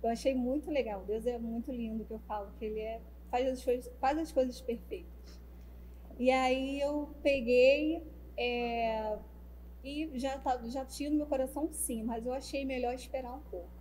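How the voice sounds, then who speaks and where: A young woman casually telling the story of her relationship as a guest, animated and acting out the dialogue. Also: sits high, normal speed, a little hiss or hum, poor audio. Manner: animated, acts out the dialogue, many fillers like "né". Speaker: guest telling how she met her partner.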